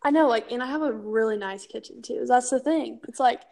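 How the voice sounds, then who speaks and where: High-voiced, chatty young college woman. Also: a little fast, creaky, a little mellow. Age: young adult. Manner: chatty, slangy, frequent "like". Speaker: podcast co-host. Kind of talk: casual banter podcast. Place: kitchen at home.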